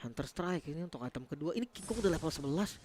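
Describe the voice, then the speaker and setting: An Indonesian-accented man giving live commentary as an esports shoutcaster. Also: on the high side, lively intonation, rapid-fire, noisy background.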